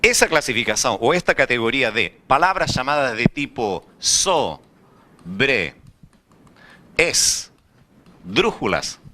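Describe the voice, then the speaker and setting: A man's voice: medium pitch, fairly quick, hardly any pauses, slight background noise. A man teaching Spanish in a classroom, often asking the students questions. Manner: lively, rhetorical questions to students. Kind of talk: recorded classroom lecture.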